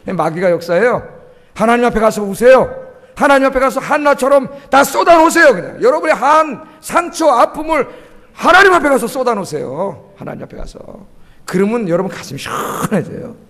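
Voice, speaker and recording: High-voiced man preaching in a reverberant church. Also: very animated, a little fast, fairly bright tone. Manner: asks the congregation questions, emphatic exhortation. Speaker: pastor. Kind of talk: sermon. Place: church sanctuary. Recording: long church hall reverb.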